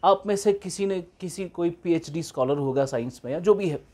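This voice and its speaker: A man teaching an online economics class. He switches between slow, deliberate English and quicker Hindi, and keeps checking that the class understands. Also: a little high, warm tone.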